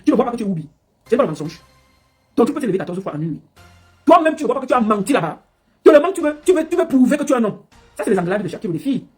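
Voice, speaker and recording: Woman livestreamer, husky and high-ish, in a scolding rant over faint music. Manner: scolding, mocking, rapid-fire. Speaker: livestream commentator. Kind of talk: ranting live commentary.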